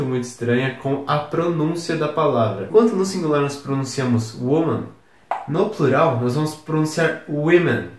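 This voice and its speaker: A man's voice: mid-range voice, reverberant. A man teaching English in Brazilian Portuguese, patiently explaining words and spelling them out letter by letter. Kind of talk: recorded online lesson.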